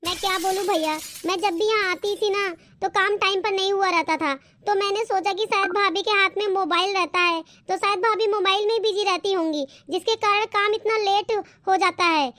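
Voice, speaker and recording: A scheming sister-in-law in a cartoon, voiced by a woman in a very high, thin register. She wheedles and plays the wronged victim, with a dry, close sound. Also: steady tone, moderate pace, few pauses, bright, forceful tone, dry recording. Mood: self-pitying.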